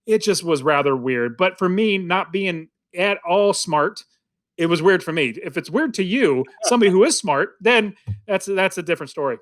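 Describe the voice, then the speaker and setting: A man's voice: high voice, animated, moderate pace. A man co-hosting a podcast, chatting casually about a movie in a rambling way with many restarts. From United States. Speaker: podcast co-host. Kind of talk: casual film review chat.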